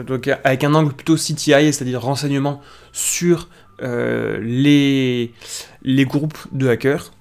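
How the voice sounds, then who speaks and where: A man's voice: medium pitch, clear, resonant tone. A man hosting a casual morning live stream on news, just waking up and talking with many hesitations and restarts. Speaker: livestream host.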